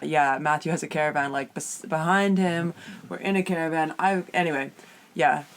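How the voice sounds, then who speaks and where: Female podcast co-host, Canadian, slightly husky, casual conversation recorded inside a small trailer. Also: sits low, moderate pace. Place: inside a small caravan with soft furnishings.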